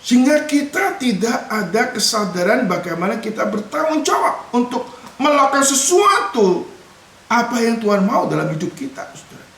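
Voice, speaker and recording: A man's voice: extremely high pitch, very animated, normal speed, vocal fry, a bit bright. Guy preaching a sermon, talks straight to the congregation, big echoey room. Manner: addresses congregation as brothers and sisters, mixes in English words. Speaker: pastor. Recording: echoey church hall from far off.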